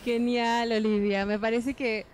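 A woman hosts an educational program in a TV studio, talking in a thoughtful, conversational way. Her voice sits fairly high, and there is a faint hum of noise behind her. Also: little pitch movement, unhurried, a little mellow. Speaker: host. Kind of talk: conversational TV hosting.

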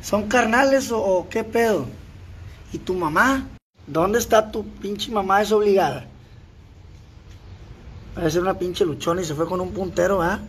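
A young man with a Sinaloan Mexican accent and a sore throat, voice pitched fairly high for a man. He chats crudely and jokingly to stray cats while vlogging at home. A faint hum of ambient noise runs underneath. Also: a little slow, long pauses. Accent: Sinaloan Mexican Spanish. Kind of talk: casual vlog chat. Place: house at home during rain.

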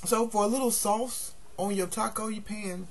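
A man's voice: sits high, steady tone, normal speed. A man giving a casual taste-test review while chewing, speaking bluntly and plainly from his home computer desk. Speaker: food reviewer.

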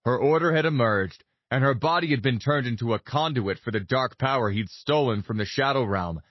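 A man's voice: mid-range voice, no room sound, highs cut off. A man narrating a romantic fantasy audiobook in the first person with an intense, brooding delivery.

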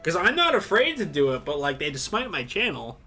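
A man's voice: fairly high pitch, huge pitch swings, over music. A man hosting a gaming stream, chatting casually with friends and joking around. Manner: joking, quick laughs. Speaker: streamer host.

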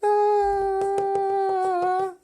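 A woman who makes toy videos, voicing many pet figures in quick turns in a toy figure role-play. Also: extremely high pitch, monotone, music in the background.

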